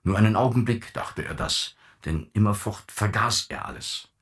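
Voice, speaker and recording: A man narrating a classic story as an audiobook in a measured, even way. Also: lowish voice, creaky. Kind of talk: scripted literary narration.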